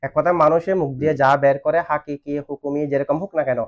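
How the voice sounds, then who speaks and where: Fast-talking male teacher quizzing his class. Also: a little high, steady tone. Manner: asks questions and has students answer back. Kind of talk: classroom lesson on Arabic grammar. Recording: dull lo-fi recording.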